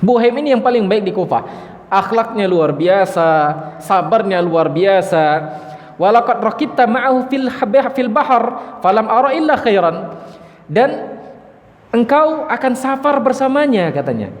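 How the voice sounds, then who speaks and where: High-voiced man preaching in a reverberant hall. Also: animated, normal speed. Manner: retells a story, reading Arabic lines then explaining them. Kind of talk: sermon-style Islamic study lecture. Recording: lecture hall with long reverb.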